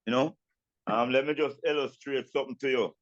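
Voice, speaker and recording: An older man with a Jamaican accent speaks as a Rastafari elder in an interview, using Rasta speech and patois, deliberate and often repeating his words. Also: mid-range voice, steady tone, no echo, muffled recording. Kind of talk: reflective interview talk.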